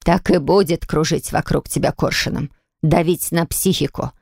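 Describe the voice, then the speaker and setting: A shrewd old grandmother in a storybook, low and gravelly, drawing her words out in a slow, knowing way, as a woman narrator puts her on. The sound is close and dry. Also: darkish tone, dry recording, heavily acted. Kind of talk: audiobook character voicing.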